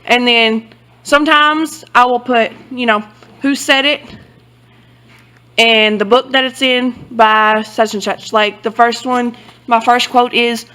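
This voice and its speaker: A woman's voice: a little high, steady tone, takes it slowly, pushed and bright, rough recording. A woman giving a casual, rambling show-and-tell of her book journal, often correcting herself as she goes. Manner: rambling, self-correcting, loose and chatty. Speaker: book vlogger.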